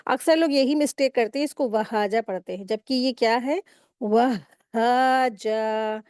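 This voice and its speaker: A woman teaching Quran recitation rules step by step in a patient, explaining manner, pausing to recite words slowly. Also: high-pitched, expressive, a little mellow, dry recording, clean studio sound. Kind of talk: step-by-step tajweed lesson.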